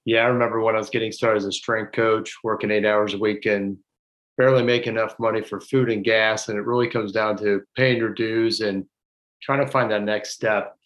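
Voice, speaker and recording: A man with a fairly low voice co-hosts a podcast. He asks his guest questions in an easy conversational tone. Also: fairly even intonation, fairly quick, a bit bright, low-quality recording. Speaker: podcast co-host. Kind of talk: casual interview chat.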